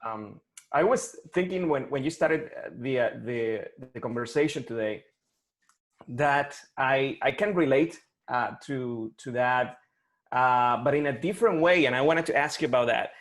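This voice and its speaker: A man in his forties from Colombia with a Colombian Spanish accent, talking haltingly with many restarts as a client in a one-on-one coaching session over a video call. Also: mid-range voice. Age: 40s.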